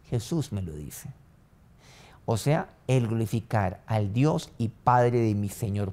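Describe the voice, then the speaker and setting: A man pastor preaching a sermon and leading a prayer, his voice swinging from loud rising lines to soft low ones. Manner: preaching with sudden rises and soft drops.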